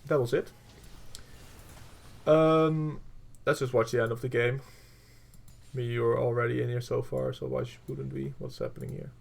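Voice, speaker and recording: A man's voice: medium pitch, flat delivery, moderate pace, creaky, long pauses. A man coaching through a gameplay review, blunt and profane, with lots of fillers. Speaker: game coach.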